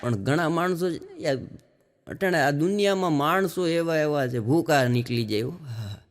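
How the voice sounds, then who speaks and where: A man's voice: a little high, expressive, moderate pace, big-room sound. A man doing stand-up, telling folksy stories and acting out the dialogue. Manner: folksy storytelling, acts out dialogue. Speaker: stand-up comedian. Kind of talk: live stand-up storytelling.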